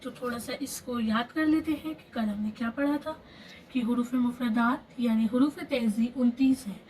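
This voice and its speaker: A woman teaching a Quran reading lesson step by step, patiently repeating terms and slowing down on key phrases. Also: fairly high pitch, darkish tone, distant mic, slight background noise, low-quality recording. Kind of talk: online lesson, explaining step by step.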